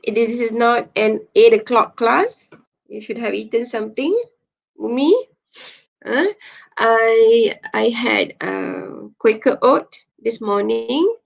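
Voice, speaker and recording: A woman's voice: fairly high pitch, creaky. A woman with a Malaysian English accent, teaching an online English class in a patient, chatty way over a video call. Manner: slow, patient, chatty, reads chat names aloud. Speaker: English lecturer. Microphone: computer mic on a video call. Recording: muffled lo-fi video call audio.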